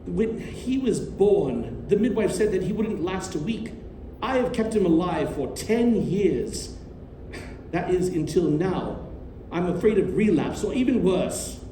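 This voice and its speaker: A man's voice: high-pitched, expressive, a little slow, warm tone. A man playing a formal, controlling doctor and guardian in a stage play, genteel and authoritative. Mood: grave, urgent. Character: genteel, controlling doctor, uncle to orphan girl. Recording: distant, roomy stage recording, faint noise.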